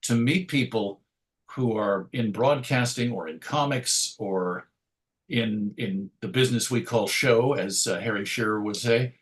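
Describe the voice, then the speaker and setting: Here the middle-aged American guest of a radio host talks in a lowish voice at a measured pace. His storytelling wanders, pokes fun at himself, and brims with enthusiasm for his subject, all in a thoughtful conversational interview.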